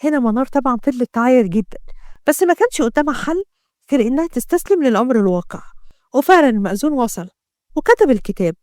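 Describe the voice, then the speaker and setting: A woman with an Egyptian accent narrating a dramatic story in brisk, scripted storytelling. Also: high-pitched, expressive, a little mellow, dry recording, clean studio sound. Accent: Egyptian Arabic.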